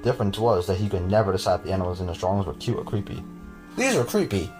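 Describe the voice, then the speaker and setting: Low-voiced man reading a horror story. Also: animated, racing, music in the background. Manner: casual, chuckling, breaks off to joke with his cohost. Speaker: podcast host reading a story. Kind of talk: reading a horror story aloud with jokey asides.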